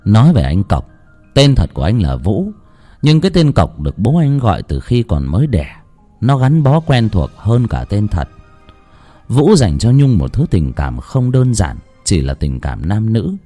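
A man narrating a ghost story in a dramatic, expressive storytelling voice. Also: a little slow. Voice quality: expressive, varied in pitch. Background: faint music.

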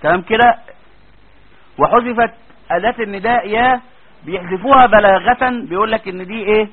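Egyptian man teaching, high husky voice. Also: brisk. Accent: Egyptian Arabic. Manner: colloquial, keeps asking students check questions. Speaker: tajweed teacher. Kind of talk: classroom lecture. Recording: tinny phone-like lo-fi audio.

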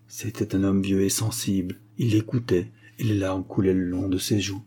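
Husky-voiced male storyteller. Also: deep voice, flat delivery, moderate pace, dark tone. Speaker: audiobook narrator. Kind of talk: storybook narration.

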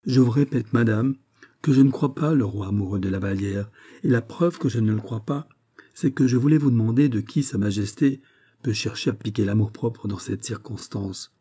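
A man's voice: fairly low pitch, normal speed, warm tone, breathy edge. A man voicing an earnest young nobleman in love in an audiobook, speaking firmly and respectfully. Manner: firm, respectful, grave. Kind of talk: audiobook character reading.

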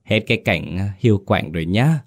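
A man's voice: fairly low pitch, expressive, normal speed. A man voicing pleased, gossiping village neighbor women in a told story.

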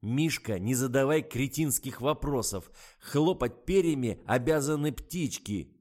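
A man voicing an irritable male film director who shouts bossy orders. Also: fairly low pitch, drawn-out words. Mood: irritated. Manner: barking, bossy.

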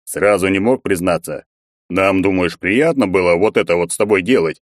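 Man doing a gruff gloating orc. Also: sits low, moderate pace, no echo, clean studio sound, close to an everyday voice. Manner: gruff, mocking.

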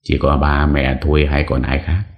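A man voicing an earnest young husband who questions gently. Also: very deep voice, little pitch movement, moderate pace, muffled recording.

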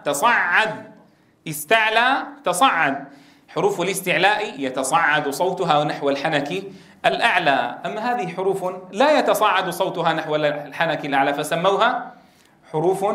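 A man's voice: a little high, roomy sound. A man teaching the rules of Quran recitation to trainee teachers. He asks the class questions and drills letter sounds aloud. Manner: loud stressed demonstrations of letters. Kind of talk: tajweed lesson to trainee teachers.

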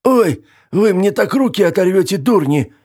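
A man voicing a cantankerous, scrawny old male scientist in a thin falsetto, with shrill, theatrical, indignant outbursts. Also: lively intonation, normal speed, darkish tone, breathy edge. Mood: indignant shrieking. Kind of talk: audiobook character voice.

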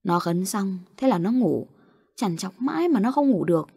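A woman reads a spoken ghost story in a steady, even storytelling manner. Her voice sits at an ordinary middle pitch. The recording is dry, with no room sound. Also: moderate pace, breathy edge, no room sound. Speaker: audiobook narrator. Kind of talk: scripted story narration.

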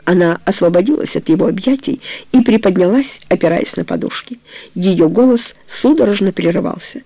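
An audiobook narrator reading a novel in a measured, even storytelling manner. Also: mid-range voice, vocal fry, no room sound. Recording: dull lo-fi recording.

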